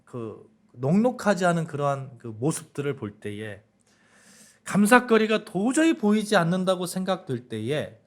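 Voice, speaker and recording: A man preaching a sermon as pastor, asking the congregation questions and building to emphatic outbursts. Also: medium pitch.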